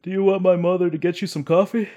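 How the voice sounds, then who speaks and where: A man's voice: sits high, flat delivery, fast talker, warm tone, highs cut off, pitched above the performer's own voice, lightly acted. A man voicing a drowsy, dazed young stoner artist in an audiobook. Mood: groggy. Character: stoned young male artist, slow and spacey. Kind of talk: audiobook character voice.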